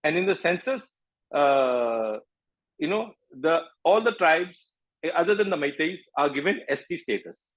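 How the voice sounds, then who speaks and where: A man's voice: fairly high pitch, fairly bright tone, low-quality recording. A middle-aged man from northeast India with an Indian accent, speaking emphatically as an interview guest, repeating points and slipping into Hindi phrases. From Manipur, northeast India. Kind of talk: impassioned political interview talk.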